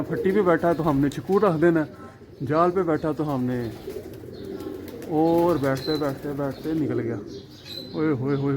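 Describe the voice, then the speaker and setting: A man, chatting excitably in a casual rooftop vlog about his pigeons, often laughing at himself. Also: fairly high pitch, noisy background. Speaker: pigeon keeper vlogger. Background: pigeons cooing.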